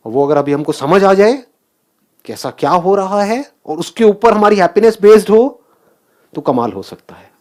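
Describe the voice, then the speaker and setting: Animated man giving a motivational talk. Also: high voice, normal speed. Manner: animated, asks the audience questions, mixes in English phrases. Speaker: motivational speaker.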